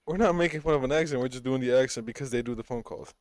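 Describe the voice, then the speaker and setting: A man's voice: medium pitch, very fast, a little mellow. A man co-hosting a podcast in casual chat, blunt and swearing freely. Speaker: podcast co-host.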